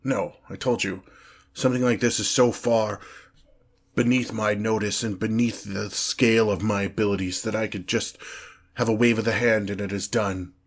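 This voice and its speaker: Pompous and formal, a man with a steady voice on the low side plays a haughty, exasperated demon lord who is grandiose but petty. It's a scripted ASMR fantasy roleplay in one-sided dialogue, and the character performer sounds reluctant and irritated, using slow, deliberate phrasing and irritated sighs.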